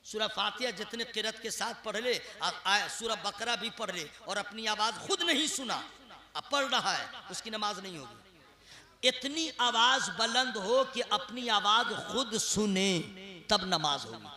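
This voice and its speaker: High, bright-voiced preacher on an echoey PA. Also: male voice, animated, measured pace. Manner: alternates shouted chanting with chatty joking asides. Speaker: Islamic preacher. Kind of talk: sermon at a religious gathering. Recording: echoey PA sound.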